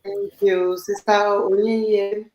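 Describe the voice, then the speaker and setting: A woman's voice: medium pitch, little pitch movement, takes it slowly, darkish tone, reverberant, dull audio, slight background noise. A woman hosting an online panel and giving an earnest motivational talk, repeating and rephrasing her points. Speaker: host. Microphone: video call.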